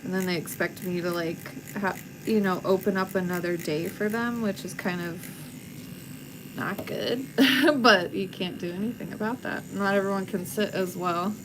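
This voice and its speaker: Woman host, tattoo artist, blunt and opinionated, mid-pitch, chatting live with a faint hum and a buzzing machine behind. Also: steady tone, moderate pace. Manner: frank, opinionated, laughs easily. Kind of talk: casual livestream chat while tattooing.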